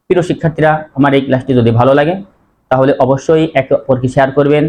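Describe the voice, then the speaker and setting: A man teaching a pronunciation lesson, repeating each word slowly and putting questions to his students. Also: medium pitch, fairly even intonation, darkish tone.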